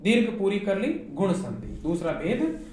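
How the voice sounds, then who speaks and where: A woman teacher with a Hindi accent lectures slowly and patiently, her pitch rising and falling in a lively way. She walks her students through each point with rhetorical questions. The recording sounds very echoey, with faint noise behind her. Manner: slow, explains step by step with rhetorical questions to students. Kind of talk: online class lecture.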